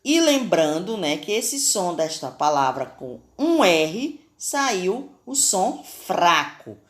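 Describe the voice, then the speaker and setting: Slow, patient Brazilian woman teacher. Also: fairly low pitch, sing-song. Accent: Brazilian Portuguese. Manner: slow, careful, spelling out sounds for children. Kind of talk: recorded school lesson.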